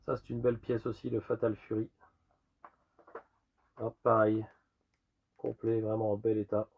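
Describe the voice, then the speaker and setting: A man with a low, rusty voice and a gravelly creak, hoarse as if getting over a long cough. He chats informally and loosely as he shows off collectibles, over slight background noise with clicks. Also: little pitch movement, unhurried, darkish tone, poor audio. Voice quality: rusty, worn voice. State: hoarse from lingering cough and illness. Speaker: retro game collector presenting a sale. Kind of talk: casual show-and-tell video commentary.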